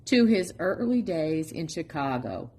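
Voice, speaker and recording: Reading a children's picture book aloud, this storytime reader has a deep, husky female voice. Her delivery is expressive and deliberate, with pauses.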